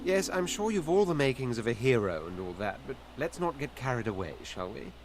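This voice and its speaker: A man performs a grandiloquent lizard prince for a video game. He is haughty and condescending, with theatrical phrasing and a lively, swooping delivery over game music. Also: medium pitch, brisk, lightly acted. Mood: condescending, courteous. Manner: pompous, theatrical, flowery phrasing. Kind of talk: video game character acting.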